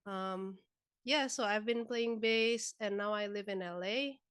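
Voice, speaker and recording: A woman's voice: mid-range voice, measured pace, fairly bright tone, clean tone, dry recording. A young woman, a guest musician chatting casually in an interview, with many filler words. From Indonesia.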